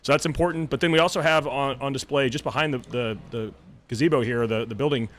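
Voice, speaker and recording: A man's voice: medium pitch, quick pace, a little hiss or hum. Earnest male executive guest. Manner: earnest, repeats words while thinking. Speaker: company president as guest. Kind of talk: radio interview answers.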